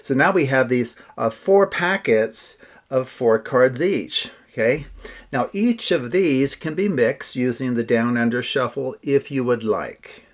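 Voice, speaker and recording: Guy doing card magician patter, chatty, kinda self-deprecating, talking right to whoever's playing along, medium pitch. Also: a little slow. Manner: talks as if to a participant.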